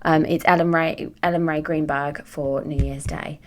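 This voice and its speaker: A young woman with a British accent talks casually to her viewers, rambling from one aside to the next. Her voice sits low for a woman. She swears freely and talks in an offhand way. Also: fairly even intonation, normal speed. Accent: British English. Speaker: true crime YouTuber. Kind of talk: casual chat to camera.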